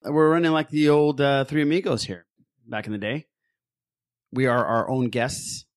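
A man's voice: medium pitch, steady tone, moderate pace, no echo, clean studio sound. A man hosting a podcast in casual, jokey chat, informally repeating phrases for emphasis. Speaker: podcast host.

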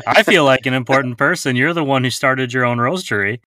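A man's voice: medium pitch, animated, normal speed, sharp tone, dry recording, clean studio sound. A man hosting a podcast, introducing his guest and asking friendly, upbeat questions. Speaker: podcast host.

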